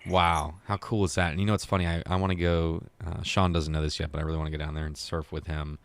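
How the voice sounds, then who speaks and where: Upbeat low-voiced podcast host. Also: male voice, little pitch movement, fast, no room sound. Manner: upbeat, joking, loose with fillers. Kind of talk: casual interview intro.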